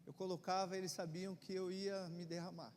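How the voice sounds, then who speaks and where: Brazilian pastor, man, middle-aged, Brazilian Portuguese accent, high voice, chatty sermon with loud and hushed swings, reverberant church hall. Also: little pitch movement, fairly quick, slight background noise. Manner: conversational preaching, swings between loud urgency and quiet intensity. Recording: long reverb of a church hall, faint ambience.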